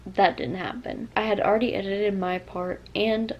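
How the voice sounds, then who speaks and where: A woman's voice: mid-range voice, steady tone, moderate pace, highs cut off, slight background noise. A young woman vlogger with a lisp from wearing a retainer, chatting casually to the camera. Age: young adult. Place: small bedroom, indoors. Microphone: camera held at arm's length.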